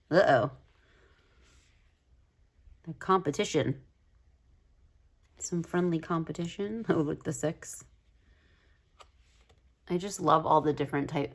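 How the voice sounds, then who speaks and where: A woman casually flipping through a tarot deck on her channel, gushing and chatty, full of "like" fillers, with soft asides that drop to a whisper. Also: deep voice. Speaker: tarot video creator.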